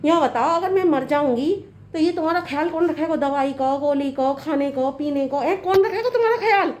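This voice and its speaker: An earnest young daughter-in-law, played by a woman, lectures her mother-in-law in a fairly high voice. She reasons patiently and at length. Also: a little fast, a little mellow, lightly acted. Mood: explaining. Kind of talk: comedy sketch acting.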